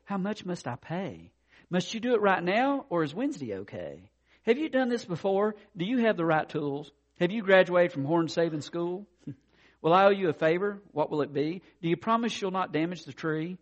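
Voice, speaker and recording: A man's voice: sits high, expressive, moderate pace, muffled recording, voice pushed up. A man voicing a nervous unicorn stuck in a tree, who fires off one fussy worried question after another. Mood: fretful, anxious. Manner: anxious stream of fussy questions.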